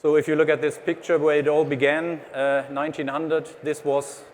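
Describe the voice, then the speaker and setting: A man with a German accent presents on stage, pausing often with hesitant fillers as he explains. His voice sits a little high and carries a long hall reverb with faint noise behind it. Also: little pitch movement. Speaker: trade association head presenting. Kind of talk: conference presentation. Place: large exhibition hall stage.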